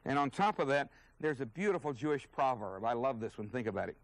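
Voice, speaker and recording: A man's voice: medium pitch, lively intonation, quick pace, no echo, rough recording. A man teaching a sermon as a Bible teacher, earnest and emphatic, openly indignant at his subject.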